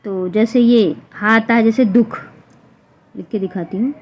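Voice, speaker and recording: A woman teacher explaining a grammar lesson for exam students, repeating example sounds slowly one by one. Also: on the high side, steady tone. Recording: dull lo-fi recording with faint noise.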